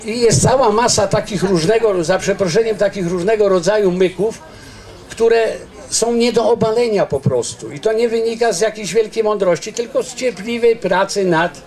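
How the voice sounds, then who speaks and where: Older male lecturer, high-pitched, earnest and digressive, handheld mic outdoors. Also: normal speed, a little mellow. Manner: earnest, digressive explaining with frequent restarts. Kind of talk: informal public lecture. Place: outdoors under a garden tent. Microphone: handheld microphone.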